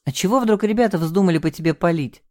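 A sardonic tough guy snapping out mocking remarks and curt orders under gunfire, as a woman narrator reads him in her own low, dark voice. The reading stays close and dry, with little change from her narrating tone. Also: quick pace, lightly acted. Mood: gruff, mocking. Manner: mocking, terse, barks orders.

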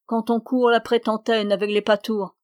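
Cheeky show-off dwarf guy, mocking and playful, pitched kinda high, dry sound, woman doing it. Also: flat delivery, normal speed, clear, resonant tone, no echo, lightly acted. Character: mischievous male dwarf, teasing, showy, boastful.

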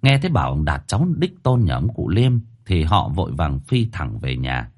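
Guy telling a sad story, husky low voice, very animated. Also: moderate pace. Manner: expressive, emotional storytelling. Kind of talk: dramatic story narration.

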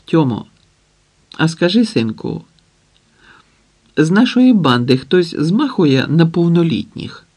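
A man's voice: a little high, big pitch swings, slow pace, long pauses, darkish tone, voice pushed up, exaggerated voice. Man doing a stern, sarcastic mother. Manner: scolding, curt and sarcastic. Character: stern, dry-witted mother of many children.

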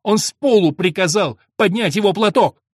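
A man reading as Ruy Blas, husky and impassioned. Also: high voice, moderate pace, no room sound, clean studio sound, pitched above the performer's own voice. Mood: indignant. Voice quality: husky, declamatory. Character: Ruy Blas, lovesick servant turned avenger, adult man. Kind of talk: dramatic verse reading.

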